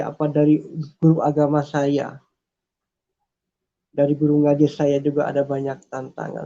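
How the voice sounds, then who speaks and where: A man with a gravelly, dark voice shares a personal faith testimony, earnest and repetitive, often stopping with small fillers. His pitch stays flat and level. The recording sounds dull and lo-fi. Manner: earnest, repeats phrases, hesitates with fillers. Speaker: testimony speaker.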